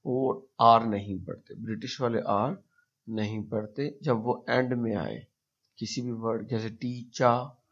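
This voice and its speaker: A man with a Pakistani accent teaching a pronunciation lesson, speaking slowly and deliberately and repeating example words to demonstrate them. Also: mid-range voice, breathy edge. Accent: Pakistani Urdu-speaking. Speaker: English teacher. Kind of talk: explanatory language lesson. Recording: dull lo-fi recording.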